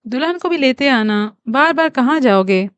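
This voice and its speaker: A woman reading the part of a frail, drowsy old mother who speaks haltingly and weakly. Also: high voice, animated, clear, resonant tone, no room sound, lo-fi sound. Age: older. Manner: halting, weak.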